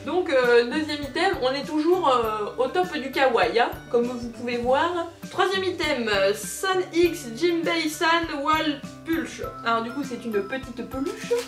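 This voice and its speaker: A young woman hosting a casual unboxing video at home, gushing and joking about herself, with many fillers. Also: fairly high pitch. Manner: bubbly, gushing, self-mocking, with many fillers. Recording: roomy, distant, with music behind.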